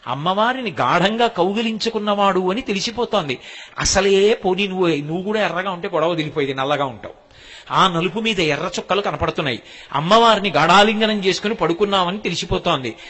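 A man with a Telugu accent giving a devotional discourse, telling stories with acted quotes and slow chanted verses. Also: high voice, sharp tone, husky. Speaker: spiritual discourse speaker.

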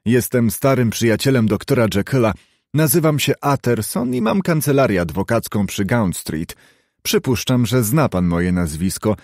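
A man's voice: mid-range voice, sing-song, normal speed, darkish tone, no room sound. Guy reading as a stern lawyer, pushy questions, dry close sound. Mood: probing. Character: man, lawyer Utterson, stern and probing.

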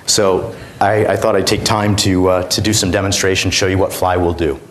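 Low-voiced man giving a product demo. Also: level tone, moderate pace, a little hiss or hum. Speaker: presenter demonstrating a product. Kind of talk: conference product demonstration talk. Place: indoor conference room, on stage.

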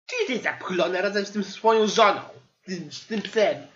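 In an amateur comedy audio sketch, a woman plays an exasperated English teacher who whines and grumbles while scolding her class, sounding irritated. Her voice is mid-range and natural at a moderate pace, with the highs cut off.

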